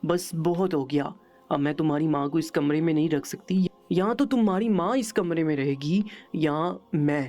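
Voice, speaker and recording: A woman's voice: low voice, warm tone. A woman reading as a bitter, worn-out young wife.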